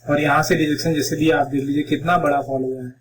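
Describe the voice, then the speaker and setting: A man's voice: a little high, steady tone, quick pace. Man teaching a live trading class. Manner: explains step by step, mixing English phrases into Hindi. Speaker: trading instructor. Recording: distant mic with faint background noise.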